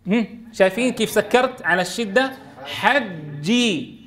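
High-voiced man teaching recitation. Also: a crowd in the background. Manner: drills letter sounds slowly, stressing and repeating them. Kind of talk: tajweed lesson with drills.

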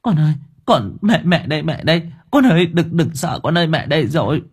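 A man's voice: on the high side, sing-song, fairly quick, husky, voice pushed up, full character voice. A man doing a tearful, soothing young mother. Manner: soft, soothing. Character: tearful young mother comforting her son.

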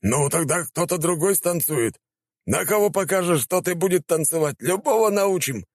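A man voicing an excitable middle-aged male prefect who wheedles and fawns. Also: fairly high pitch, normal speed, dry recording, voice pushed up. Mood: fawning. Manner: wheedling, shouting, ingratiating.

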